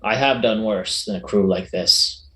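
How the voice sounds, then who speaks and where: Gruff old fisherman type, acted by a man, lowish voice, earnest and courtly, roomy recording, for a tabletop adventure. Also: unhurried, sharp tone. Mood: humble, grateful. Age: older. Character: gruff, sentimental old sea dog sailor, male.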